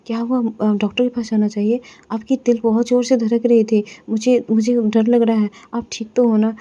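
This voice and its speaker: A woman's voice: fairly high pitch, level tone, moderate pace, mellow, lightly acted. A woman voicing a worried, innocent young woman who asks anxious, pleading questions. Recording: dull lo-fi recording.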